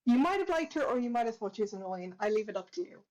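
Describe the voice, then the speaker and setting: Player, woman, higher voice, chatty and descriptive, voice chat. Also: sing-song, fast, a little mellow, low-quality recording. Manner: chatty, descriptive, fillers and restarts. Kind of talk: narrating her character in a tabletop game. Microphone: headset or desk mic over voice chat.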